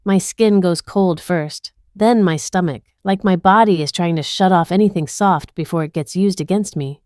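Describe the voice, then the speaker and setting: A woman telling a dramatic first-person story in scripted narration, tense, intimate and measured. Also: lowish voice, a little mellow, no echo, studio quality.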